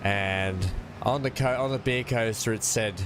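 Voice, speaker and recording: An Australian man hosts a game stream, chatting casually and laughing a lot. His voice sits on the low side and he takes his time, with noise audible in the background.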